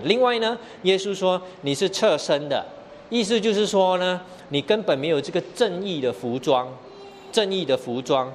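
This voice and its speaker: A man's voice: fairly high pitch, slight background noise. A man preaching a sermon, explaining scripture verse by verse and often asking the listeners rhetorical questions. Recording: long hall reverb, faint ambience.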